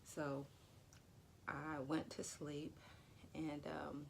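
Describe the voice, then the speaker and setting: Low creaky-voiced woman vlogging. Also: monotone, extremely slow, slight background noise. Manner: rambling, lots of "you know". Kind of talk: casual talk to camera about dreams.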